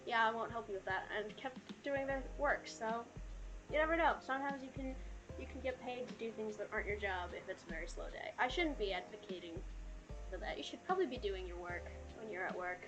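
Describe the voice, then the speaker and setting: A woman talks casually to her game stream in a fairly high voice. She is chatty and quick to apologize or poke fun at herself. Music plays clearly behind her. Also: low-quality recording. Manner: chatty, apologetic, self-deprecating. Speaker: streamer reading game dialogue aloud. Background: music playing.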